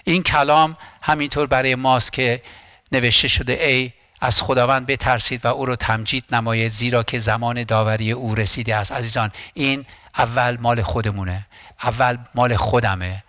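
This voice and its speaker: A man's voice: mid-range voice, steady tone, pushed and bright, no room sound. A man preaching a sermon as pastor, impassioned and emphatic, repeating phrases and often restarting words.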